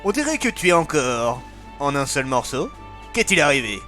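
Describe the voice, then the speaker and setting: A man voicing a cocky, boorish young male mercenary in a video game with a loud, swaggering voice. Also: on the high side, sing-song, moderate pace, soft background music, pitched below the performer's own voice.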